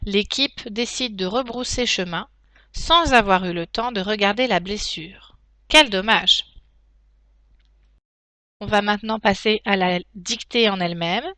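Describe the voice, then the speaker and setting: Woman teacher dictating to kids real slow, careful pauses between phrases, dry close sound. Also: mid-range voice, bright, forceful tone, no echo. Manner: deliberate, articulated dictation with pauses. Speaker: primary school teacher. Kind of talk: dictating a text to pupils, reading phrase by phrase and naming punctuation.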